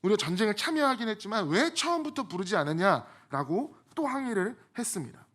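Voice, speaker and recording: A man's voice: high voice, sing-song, fairly quick, a bit bright. A male pastor delivering a sermon in a conversational way, mixing in humorous personal asides.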